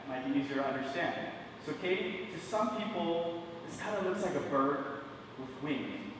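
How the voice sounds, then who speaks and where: A man's voice: on the high side, animated, moderate pace, noisy background. Young man doing playful magic patter. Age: 20s. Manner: playful, joking with an audience volunteer. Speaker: stage magician. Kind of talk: live stage magic patter. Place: large indoor theater stage. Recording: echoey theater hall, distant mic.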